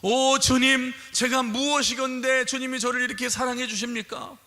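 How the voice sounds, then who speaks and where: A man's voice: very high-pitched, little pitch movement, normal speed, pushed and bright, voice pushed up. A man preaching voices the old Abraham, pleading emotionally with God, in a church with long reverb. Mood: awed.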